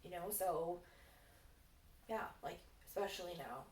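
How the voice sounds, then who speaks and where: Young woman, loose rambling stoner chat, sweary, echoey room, recorded at a distance. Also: measured pace. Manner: rambling, relaxed, tipsy-high stoner talk with frequent swearing. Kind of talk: casual chat, Q&A. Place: indoors, on a couch. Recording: echoey room, distant mic, faint noise.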